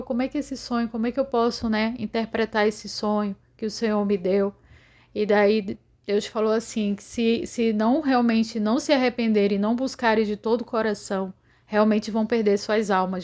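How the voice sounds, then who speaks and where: A woman's voice: fairly high pitch, darkish tone. A woman telling her religious dreams in an earnest, rambling testimony full of fillers. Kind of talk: casual testimony.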